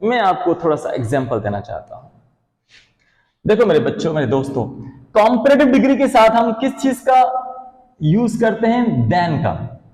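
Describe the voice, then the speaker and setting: A man's voice: high-pitched, big pitch swings, normal speed, a little mellow. A man teaching a grammar lesson, asking questions and answering them himself, addressing students as his children and friends. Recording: echoey room with long reverb.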